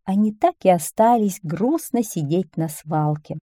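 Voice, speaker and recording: A woman reading a children's story aloud in an expressive, animated way. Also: fairly low pitch, measured pace, no echo, clean studio sound.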